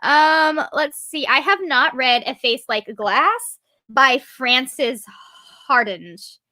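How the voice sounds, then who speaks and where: A woman in her thirties hosting a casual chat over a video call, animated and laughing often. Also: high voice, slow, no echo. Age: 30s. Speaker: livestream host.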